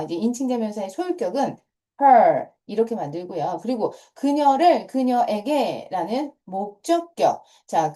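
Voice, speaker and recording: A woman's voice: fairly high pitch, dark tone. A middle-aged woman teaching English grammar to middle school students, patient and repetitive, often starting phrases with a short cue word. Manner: patient, repeats key points, starts phrases with "자".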